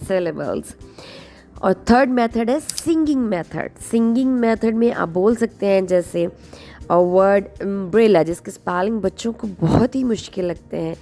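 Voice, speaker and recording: A woman gives a children's phonics lesson at a very slow, deliberate pace. She stretches words out syllable by syllable, switching between Hindi and English. Soft music plays behind her. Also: medium pitch, gravelly. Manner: drawn-out, clapped syllables, mixing Hindi and English. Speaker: teacher.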